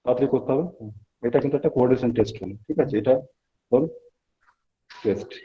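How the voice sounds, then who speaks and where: A man's voice: medium pitch, fast. A man teaching a clinical examination at a hospital bedside, explaining tests to students and giving instructions to a patient. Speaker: medical lecturer. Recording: dull lo-fi recording.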